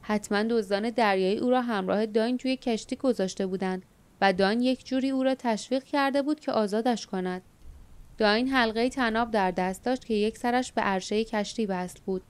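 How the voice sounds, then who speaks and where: A woman narrating an audiobook in a measured, steady reading. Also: fairly high pitch, clean tone. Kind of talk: scripted narration.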